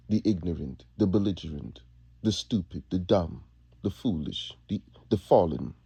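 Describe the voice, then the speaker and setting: A man's voice: fairly low pitch, creaky, mellow, breathy edge, dry recording. A man giving a rambling, preachy monologue, chuckling to himself.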